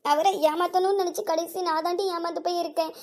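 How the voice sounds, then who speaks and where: A woman's voice: very high voice, steady tone, fast, darkish tone. A woman voicing a young woman betrayed by her lover in a cartoon, speaking with a Tamil accent, bitter and tearful. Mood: grieving. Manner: scornful, then sobbing and pleading. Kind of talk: cartoon dub acting.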